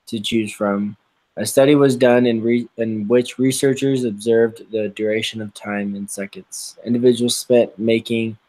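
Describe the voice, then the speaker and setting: A young man speaks on a video call through a computer mic, relaxed and easygoing as he talks through problems with his study group. His pitch sits in an ordinary middle range. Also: rough recording. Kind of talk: casual chat while working problems.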